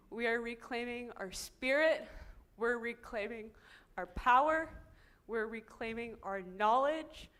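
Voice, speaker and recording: A woman's voice: on the high side, fairly bright tone. A woman co-hosting a forum, giving earnest, effusive closing thanks with repeated phrases for emphasis. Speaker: forum co-host. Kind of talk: closing remarks at a conference.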